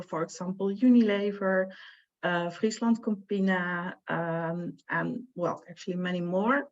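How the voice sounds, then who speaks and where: A woman's voice: medium pitch, a little mellow. A woman advisor giving an online information presentation for prospective students, hesitant and full of fillers. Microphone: video call. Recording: muffled lo-fi video call audio.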